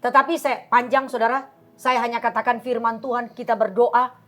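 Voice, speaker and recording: A woman pastor in her fifties speaks with an Indonesian accent, her fervent, emphatic testimony rising into preaching as she turns to the viewers. Her voice sits a little high. Soft music plays faintly beneath her in the TV studio. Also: flat delivery, moderate pace. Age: 50s. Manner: fervent, emphatic preaching, addresses listeners as saudara. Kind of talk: sermon-like testimony on TV talk show.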